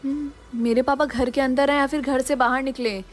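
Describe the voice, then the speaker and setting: A woman voicing and narrating as a curious, daring young girl in an animated story. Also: high voice, brisk. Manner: eager, questioning narration.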